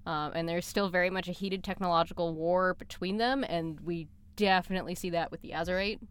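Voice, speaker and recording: A woman's voice: lowish voice, fairly even intonation, a little fast, clean tone. A woman co-hosts a podcast in a casual, chatty way. She often restarts her sentences and laughs as she goes. She is speaking into a studio microphone in a library room. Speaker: podcast co-host.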